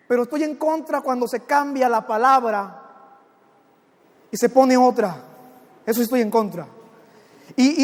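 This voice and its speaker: A man preaching at a church conference, telling a humorous story, then preaching with fervor and at times shouting. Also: very high voice. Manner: animated, rises to shouted preaching. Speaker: pastor. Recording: long hall reverb.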